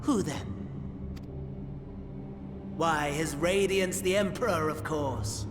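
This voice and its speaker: In a dramatic video game cutscene, an actor plays a smug, theatrical villain, a scheming male servant of the empire, grandiose and mock-reverent as he savors each phrase. His voice is a little high and slow. Music plays in the background.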